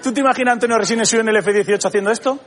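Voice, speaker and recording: A man's voice: high-pitched, very fast, fairly bright tone. A man doing a stand-up comedy monologue on stage, animatedly acting out both sides of dialogues. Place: comedy stage before a live audience. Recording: live audience laughter, noisy theatre.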